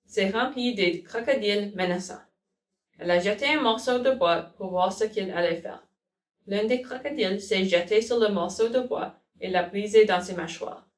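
A woman reads a children's picture book aloud at a careful pace, stopping now and then to correct herself. Her voice is mid-pitched and sounds distant in an echoey room. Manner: slow careful reading with self-corrections. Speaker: storyteller. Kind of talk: children's storybook read-aloud. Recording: roomy, from a distance.

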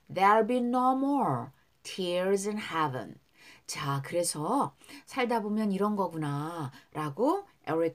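A middle-aged woman teaching English through a pop song, drilling lyric lines slowly and repeating them. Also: medium pitch.

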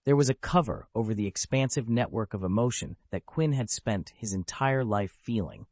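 Brief: male audiobook narrator, low voice with a lively pitch range, steady literal reading, dry close mic. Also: normal speed, no echo. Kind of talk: scripted narration.

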